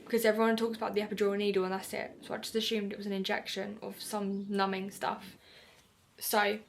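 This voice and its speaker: A woman's voice: mid-range voice, vocal fry, a bit bright. Chatty young British woman vlogger. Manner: chatty, lots of "like", acts out her own quotes. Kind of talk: casual storytelling to camera.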